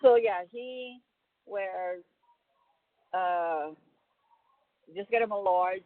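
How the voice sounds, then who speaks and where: A woman's voice: medium pitch, drawn-out words, no room sound. A woman chatting casually and colloquially on a phone call, rambling as she goes. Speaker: caller on a prison phone call. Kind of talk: casual personal phone chat. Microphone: telephone. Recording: tinny narrow-band phone line.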